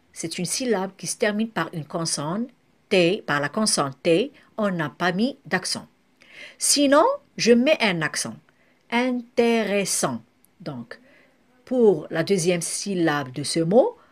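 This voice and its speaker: Slow, lively-voiced woman teaching French spelling. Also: fairly low pitch. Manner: spells out syllables one by one, with occasional self-corrections. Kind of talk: slow classroom explanation.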